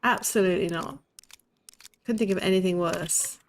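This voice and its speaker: A young woman with a lisp streams a shooter game, chatting casually in a lowish voice at normal speed. She's blunt and sweary and laughs often. A faint hiss or hum sits under the recording.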